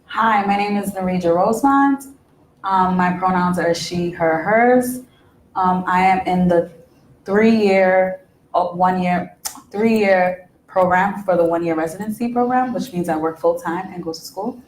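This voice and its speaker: A hesitant woman answers questions on a student panel, pausing often, in a lowish voice. The room around her sounds echoey, with a faint background hum. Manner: hesitant, many ums.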